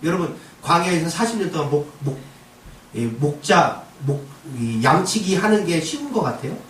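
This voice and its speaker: A man's voice: fairly high pitch, very animated, normal speed, a bit bright, a little hiss or hum. A man preaching a sermon as pastor, voicing God and Moses in short quoted lines and rising to emphatic exclamations. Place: church sanctuary. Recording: roomy echo, distant mic, faint ambience.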